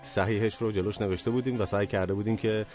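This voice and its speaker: A man co-hosting a radio show, calmly explaining details to listeners. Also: lowish voice, soft background music. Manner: calm, explaining step by step. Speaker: radio co-host. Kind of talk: casual radio chat.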